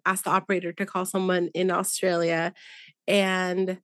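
A woman's voice: fairly low pitch, no echo, studio quality. A woman co-hosting a true crime podcast, chatting casually and rambling with fillers and laughs. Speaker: podcast co-host. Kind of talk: casual chat.

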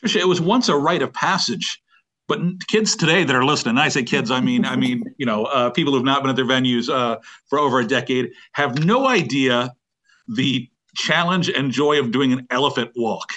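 A man's voice: mid-range voice, brisk, fairly bright tone. A man hosting a podcast, speaking in a conversational interviewing style. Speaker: podcast host.

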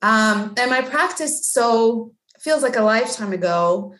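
A woman from Mexico, a bilingual speech language pathologist, appears as a guest on a podcast, talking casually with plenty of "like" and "um." Her voice is a little high, animated, unhurried, and a bit bright. The room is echoey.

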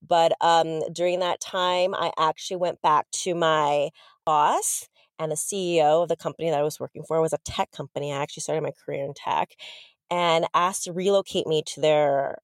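Chatty woman guest, low dry voice. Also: normal speed, no echo. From Southern California. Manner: chatty, animated storyteller. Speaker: podcast guest. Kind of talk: casual interview storytelling.

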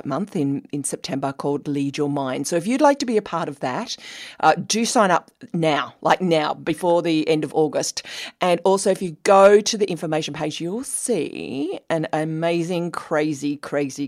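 Woman, interview host, chatty, laughs often, video call. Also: deep voice. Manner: chatty, warm-hearted asides, laughs often. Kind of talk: casual live interview. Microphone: webcam on a video call.

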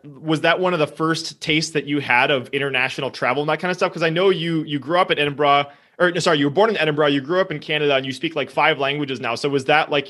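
A male podcast host asks eager, winding questions full of fillers. He talks fast, and his voice sounds bright and forceful. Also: a little high. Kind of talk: casual interview questions.

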